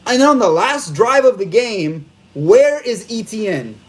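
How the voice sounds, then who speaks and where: A man's voice: high voice, big pitch swings, a little slow. A man hosting a live stream, venting in an exasperated post-game rant full of repeated rhetorical questions, talking into a phone camera. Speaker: live stream fan host. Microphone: phone camera held vertical.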